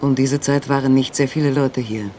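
A man narrates a radio play in calm, measured storytelling. His pitch is mid-range, with a little noise behind him.

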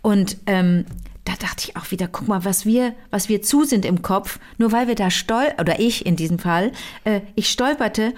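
A woman hosting a relaxed conversation, retelling a book with animated enthusiasm. She keeps tripping over her words and restarting, full of little fillers. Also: mid-range voice, moderate pace. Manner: lively storyteller, many fillers and restarts. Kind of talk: casual chat, retelling a novel.

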